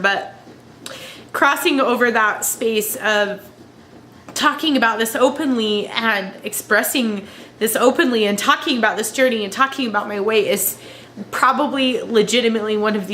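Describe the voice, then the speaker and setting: A woman crying as she talks in a personal confessional vlog, halting and emotional as she searches for words. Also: on the high side, sharp tone, slight background noise. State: crying, tearful. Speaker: vlogger.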